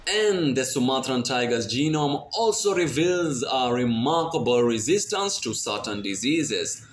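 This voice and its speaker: Lively man narrating a nature documentary, roomy sound. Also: mid-range voice, a little slow. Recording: roomy voice-over, faint noise.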